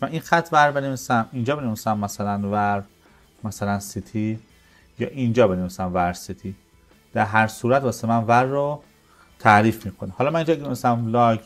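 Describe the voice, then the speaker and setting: A man teaching programming in a coding tutorial, explaining step by step and answering his own questions. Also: fairly low pitch. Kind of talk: screen-recorded coding tutorial.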